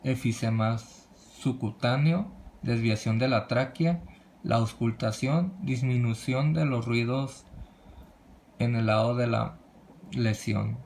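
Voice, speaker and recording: A man presents a medical lesson from slides, his voice gravelly and low in the throat. He reads haltingly, often cutting off a word and starting it again. A faint hiss sits behind the recording. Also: a little mellow. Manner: halting, with frequent restarts and cut-off words. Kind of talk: reading a slide lecture.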